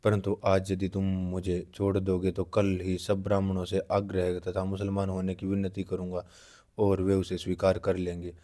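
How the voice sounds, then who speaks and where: A man's voice: low voice, completely flat delivery, normal speed, warm tone, lightly acted. A man voicing a menacing, domineering male rebel leader in a storybook reading, speaking in a commanding, threatening way.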